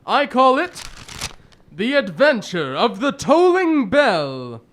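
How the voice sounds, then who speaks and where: A man playing a genial older English gentleman doctor who tells his tales in old-time radio drama style, avuncular and hesitant. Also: very high-pitched, very animated, slow, very noisy, heavily acted. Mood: reminiscing. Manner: avuncular, chuckling, hesitant delivery. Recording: music behind the voice.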